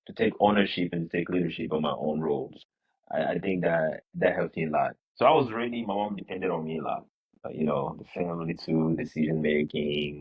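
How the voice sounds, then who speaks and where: A man from Congo talks as a returning podcast guest, upbeat and casual with a scattering of fillers. His voice is very deep and husky. The sound is dull and lo-fi.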